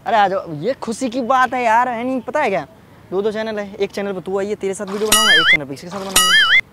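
A man's voice: sits high, wildly swooping pitch, quick pace, pushed and bright, slight background noise. Teasing young man joking outdoors. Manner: teasing, boastful, repeats himself. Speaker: prank video host. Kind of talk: casual outdoor prank banter. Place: outdoors in a public place.

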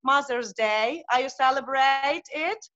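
Ukrainian accent lady, hesitant english, really slow, dull video call sound. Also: high-pitched, fairly bright tone. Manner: halting, hesitant non-native English. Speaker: club member presenting thought of the day. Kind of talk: informal speech in an online meeting.

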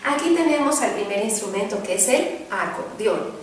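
A woman teaching a children's Hebrew lesson, naming each word slowly and clearly and repeating it. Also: medium pitch, lively intonation. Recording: echoey room, heard from a distance.

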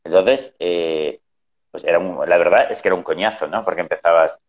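A man's voice: low-pitched, brisk. A middle-aged man telling family anecdotes in casual conversation, acting out the voices he quotes. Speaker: guest. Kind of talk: conversational storytelling. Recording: dull lo-fi sound.

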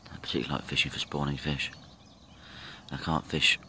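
A middle-aged man filming his own fishing trip, chatting casually and thinking aloud with pauses from behind a handheld camera by a lake. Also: extremely low pitch, level tone, pushed and bright, a little hiss or hum. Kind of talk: casual self-filmed commentary. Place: outdoors by a lake. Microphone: handheld camera from behind the lens. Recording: outdoor ambience with nature sounds.

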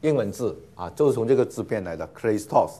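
A man's voice: on the low side, expressive, brisk, mellow, breathy edge. Male teacher, patient classroom lecture, lots of fillers and repetition, with mixed in. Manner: patient, many filler 'ah' sounds, repeats words for students.

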